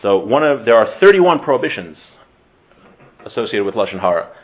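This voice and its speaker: The man's fairly low voice swings widely in pitch as he moves along briskly. He runs a casual Torah class with discussion, conversational and playful, often cutting himself off and slipping in Hebrew words. Audio is thin, like a phone recording.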